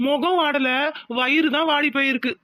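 A woman's voice: high voice, fairly even intonation, normal speed, background noise, natural voice. A woman voicing a doting hungry village husband. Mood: complaining. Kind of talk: cartoon voice acting.

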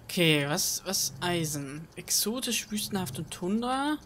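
A woman's voice: fairly low pitch, lively intonation, measured pace, a bit bright, a little hiss or hum. Chatty woman gaming at night. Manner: chatty, self-mocking, thinks aloud with many fillers. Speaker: let's play host. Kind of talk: casual gameplay commentary. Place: home room at night. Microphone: desk microphone.

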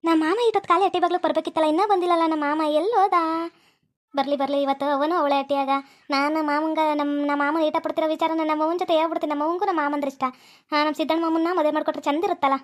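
A woman's voice: high-pitched, racing, lightly acted. A woman voicing a shy, lovestruck cartoon girl. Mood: excited. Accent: North Karnataka Kannada. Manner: excited, giggly shyness. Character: shy young woman in love with her uncle. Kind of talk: hobby cartoon voice acting.

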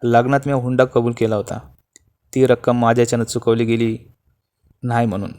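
A man voicing a frightened, meek older village father who pleads softly. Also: medium pitch, little pitch movement, a little fast, natural voice. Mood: pleading. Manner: soft, pleading, subdued.

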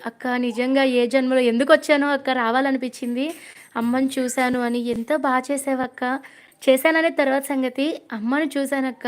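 A young woman hosting a devotional livestream from home on her phone, chatting casually, telling stories and reading viewer comments aloud. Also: sits high. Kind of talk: casual live chat with viewers. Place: home prayer room.

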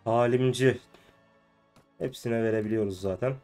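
A hoarse man who is ill, commenting on his own gameplay and often breaking into cursing rants at the game. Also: medium pitch, moderate pace, darkish tone, soft background music. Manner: ranting and cursing at the game, frequent outbursts. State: hoarse from illness. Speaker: gaming video host. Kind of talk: let's play commentary.

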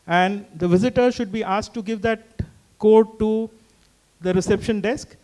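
High-pitched man explaining methodically. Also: measured pace, darkish tone. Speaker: panelist. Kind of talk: panel discussion. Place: stage at a panel event. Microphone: handheld mic.

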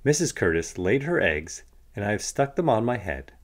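Man playing a proud happy fish dad in a kids story, chipper, low voice with bouncy pitch. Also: very animated, moderate pace. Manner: chipper, matter-of-fact about his duties. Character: contented, proud male fish father in a storybook.

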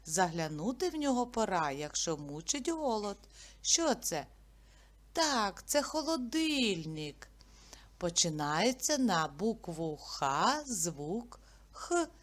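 A woman teaching a literacy lesson to young children, sounding out letters and syllables slowly and prompting them with questions. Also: medium pitch, very animated. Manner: slow, careful enunciation of sounds and syllables.

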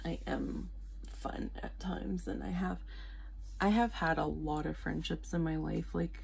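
A woman talking quietly in a casual late-night vlog, rambling with frequent fillers and laughter. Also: low-pitched, fairly even intonation, a little slow, creaky. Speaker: vlogger.

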